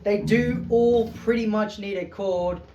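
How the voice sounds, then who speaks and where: A man's voice: sits high, fairly even intonation, measured pace, distant mic, muffled recording. A man casually reviewing keytars in his small home studio, rambling and enthusiastic, with many fillers. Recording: roomy studio with keyboard music behind.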